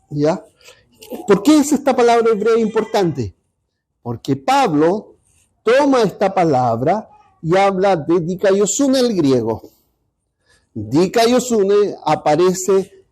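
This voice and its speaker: A man teaching a Bible study class, pausing often and checking in with his listeners. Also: high-pitched, warm tone. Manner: halting, repeats ¿ya? to check understanding.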